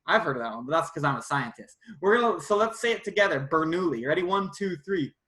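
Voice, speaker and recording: During a live online video call, a playful, informal science presenter chats with children while running a demonstration in a roomy indoor space that gives the audio an echo. The voice is mid-range, expressive and fairly bright, and the presenter talks fast.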